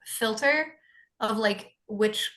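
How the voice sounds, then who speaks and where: A woman's voice: a little high, slow pace, fairly bright tone. A woman in a casual chat on a video call, playful and joking. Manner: playful, jokey.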